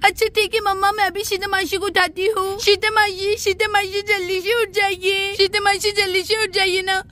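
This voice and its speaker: An anxious little girl, as a woman acts her in a doll-play story, pleading over and over. Her voice is very high and bright. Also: flat delivery, normal speed. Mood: worried.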